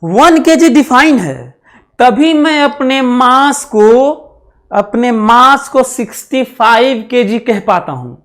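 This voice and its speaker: A man's voice: extremely high pitch, expressive, slow, a bit bright. A man teaching a physics lecture, repeating phrases, asking the class questions and dictating notes as he mixes English terms into his talk. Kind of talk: classroom lecture for exam students.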